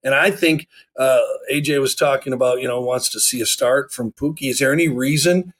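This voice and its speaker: A man's voice: mid-range voice, brisk, fairly bright tone. An American man on a sports podcast panel, talking casually and conversationally about the game.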